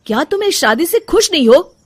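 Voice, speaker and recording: A woman's voice: extremely high pitch, big pitch swings, normal speed, voice pushed up. A woman voicing a caring young husband who coaxes his upset wife. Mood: coaxing. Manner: coaxing, gentle.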